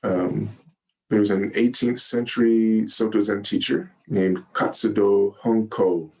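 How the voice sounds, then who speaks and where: A man giving a Zen dharma talk, gentle and halting, often pausing to search for words. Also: lowish voice, steady tone, vocal fry. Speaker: Zen teacher. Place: meditation hall.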